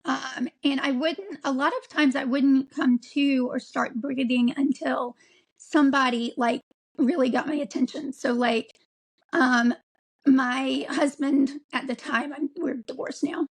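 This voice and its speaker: A woman of forty, an interview guest, telling her own story in a halting way with frequent ums and restarts. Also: high voice, fairly even intonation, breathy edge, rough recording. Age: 40s. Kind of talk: candid personal account.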